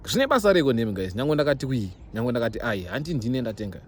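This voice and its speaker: His medium-pitched voice is sing-song and quick as the young Zimbabwean vlogger chats casually with followers. Emphatic and repetitive for stress, he mixes in English phrases, recorded by phone over noisy background ambience.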